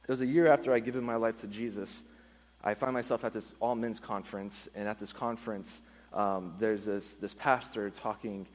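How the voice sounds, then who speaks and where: A man telling an earnest personal testimony in a sermon, going low and quiet at the emotional moments. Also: fairly even intonation, moderate pace, long reverb tail, poor audio. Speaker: speaker giving a testimony.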